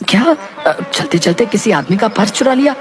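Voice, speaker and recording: A foolish, soft-hearted cartoon thief, voiced by an actor pushing the voice higher, whining and pleading humbly in a lively, bouncing voice. Music plays behind him. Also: normal speed, close to an everyday voice. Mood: eager. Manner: pleading, whiny, humble, calls the boss sir. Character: dim-witted soft-hearted male apprentice thief. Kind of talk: cartoon voice acting.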